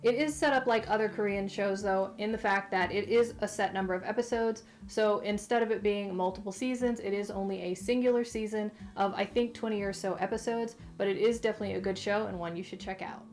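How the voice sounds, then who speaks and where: A woman's voice: medium pitch, steady tone, a little fast, few pauses. A woman hosting a casual, chatty recommendation vlog, speaking with a mouth affected by recent wisdom tooth removal. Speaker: host.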